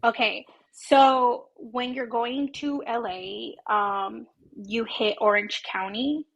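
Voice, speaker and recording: Her voice is on the high side, steady, slow, and gravelly, and the audio is poor. She's a podcast guest in her twenties from Southern California, chatting casually in an interview with plenty of ums, likes, and a soft, shy laugh.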